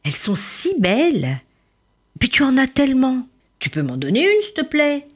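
Lady doing a tiny squeaky fish voice, begging and bouncy, all over the place. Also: wildly swooping pitch, moderate pace, heavily acted. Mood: pleading. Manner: high, pleading, bubbly. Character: small pleading little blue fish, eager and sweet.

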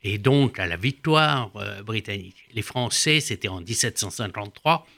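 Older man, radio guest, bright forceful voice, pauses with fillers. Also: fairly low pitch, lively intonation, creaky. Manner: hesitant with frequent "euh", explanatory. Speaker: former diplomat guest. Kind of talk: radio interview.

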